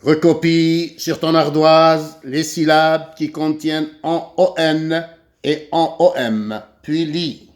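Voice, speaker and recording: A man's voice: on the high side, fairly even intonation, slow pace. A man with an Algerian French accent teaching a children's reading lesson, spelling out syllables letter by letter. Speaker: primary school teacher.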